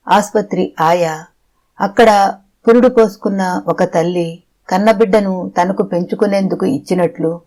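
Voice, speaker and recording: Mellow, measured audiobook narrator. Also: medium pitch, poor audio. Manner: measured, steady storytelling.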